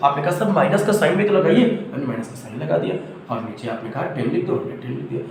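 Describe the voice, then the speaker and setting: A man teaches a school math lesson in a very echoey room with faint background noise, talking fondly to the children and playacting their replies. His voice is a little high with vocal fry, and he talks fast with big swings in pitch.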